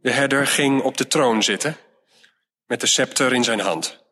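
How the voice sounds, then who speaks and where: A man narrating a storybook tale in a slow, measured reading voice. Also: medium pitch, sharp tone. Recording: long hall reverb.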